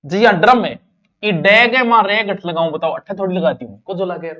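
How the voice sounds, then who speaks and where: A man's voice: high-pitched, a little fast, sharp tone. A man with a Rajasthani accent teaching an exam-prep lesson, quizzing his students and moving between Hindi and local dialect. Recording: dull lo-fi recording.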